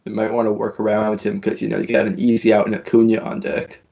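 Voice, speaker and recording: A man's voice: fairly low pitch, little pitch movement, quick pace, gravelly, warm tone, lo-fi sound. A man co-hosting a baseball watch party, making dry, wry stat-minded remarks. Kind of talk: casual live baseball chat.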